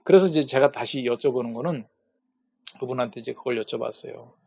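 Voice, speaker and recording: A man of middle pitch delivers a church-based lecture on conflict in a dry, close sound. He keeps asking the audience rhetorical questions. He retells everyday conversations as acted dialogue. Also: a little fast, creaky, darkish tone, husky, no room sound. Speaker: peacemaking school lecturer.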